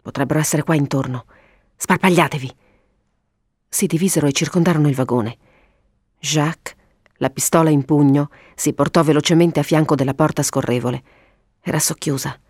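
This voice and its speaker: A woman narrating a detective story in an animated reading style. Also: deep voice, brisk, no echo, studio quality.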